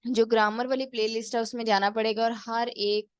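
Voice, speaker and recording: A woman teacher gives a lecture, mixing terms into her explanations. Her voice sits somewhat high, and the recording is close and dry with no room sound. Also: flat delivery, fairly quick, clean tone, no room sound. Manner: mixes English terms into explanation, stresses with "theek hai". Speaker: English teacher.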